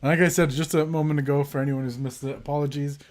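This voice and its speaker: A man with a slightly high, mellow voice speaks fast in a fairly even tone, a little congested from a cold. He's hosting a calligraphy live stream, chatting casually and greeting viewers by name in a friendly, rambling way full of fillers.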